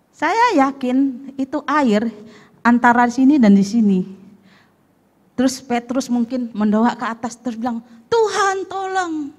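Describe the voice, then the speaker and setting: A woman pastor preaching a lively sermon, acting out the story and putting questions to the congregation. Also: a little high. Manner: animated, acts out the story and asks the congregation questions. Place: church service.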